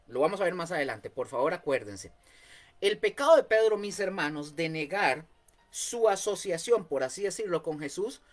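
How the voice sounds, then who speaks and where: A Costa Rican man leads a Bible study. He explains each point patiently and comes back to key words again and again. He often stops on filler sounds. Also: high voice. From Costa Rica. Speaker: Bible teacher.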